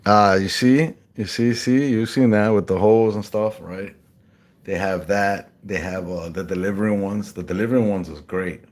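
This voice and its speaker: A man chatting casually in a slangy, rambling way, with many restarts, calling the listener bro and acting out the people he quotes in a higher voice. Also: moderate pace. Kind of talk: casual chat.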